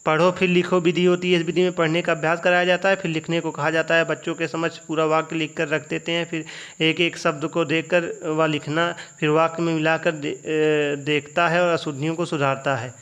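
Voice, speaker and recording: A man's voice: a little high, little pitch movement, fairly quick, hardly any pauses, fairly bright tone. A young male teacher giving an exam revision lecture, putting questions to the students and then answering them himself. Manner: asks students rhetorical check questions.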